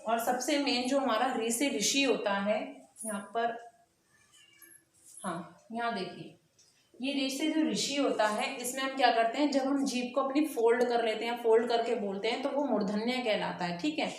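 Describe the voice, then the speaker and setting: A woman teacher giving an exam-prep grammar lesson. She asks her own questions, answers them, and draws vowel sounds out slowly. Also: fairly high pitch, a little hiss or hum. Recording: echoey room.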